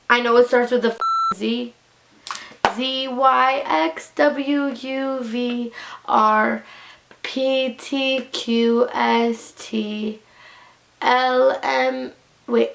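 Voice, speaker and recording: A young woman with a high voice that breaks into gravelly fry, rambling tipsily and giggly to her viewers. She is blunt and sweary, talking in loose, casual slang as she goes. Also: a bit bright. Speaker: beauty vlogger. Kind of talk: casual, rambling chat to camera.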